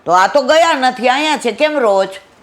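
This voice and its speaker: A woman's voice: high-pitched, normal speed. A woman giving a devotional satsang sermon, telling stories with rhetorical questions and acted-out dialogue. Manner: animated storytelling, rhetorical questions, acts out dialogue. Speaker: satsang speaker.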